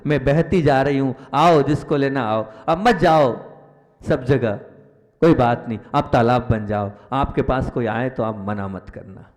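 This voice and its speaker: Man giving an echoing sermon. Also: a little mellow. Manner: rises in pitch and volume for emphasis, repeats phrases. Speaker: Jain monk. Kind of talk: sermon with storytelling. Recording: long hall reverb.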